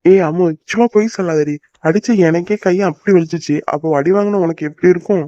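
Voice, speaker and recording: A man's voice: high voice, fast, mellow, no echo, natural voice. A man voicing a protective, teasing young man in love in a cartoon, who coaxes and pleads. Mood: tender. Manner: pleading and coaxing. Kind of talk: cartoon voice acting. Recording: dull lo-fi, dry.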